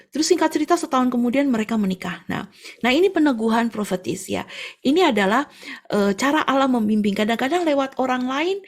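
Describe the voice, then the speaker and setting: A woman lay preacher giving a conversational church teaching, peppering her talk with little fillers and growing lively when she tells personal stories. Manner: conversational, fills with frequent "ya" and "eh"; gets animated and rises in pitch when telling stories.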